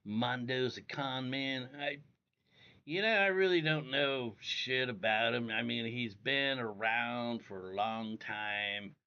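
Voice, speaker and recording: A male livestreamer with a gravelly, forceful voice and the loose articulation of missing upper teeth. He rambles casually in coarse slang. The audio is slightly dull and lo-fi. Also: mid-range voice, takes it slowly. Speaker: livestream host.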